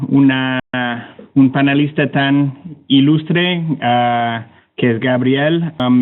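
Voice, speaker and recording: Searching for words, the Canadian-accented man hesitates and repeats himself in a medium-pitched voice. He's on an online webinar call as a panelist for a climate technology organisation, presenting informally with slides, and the connection is narrow and tinny, much like a phone.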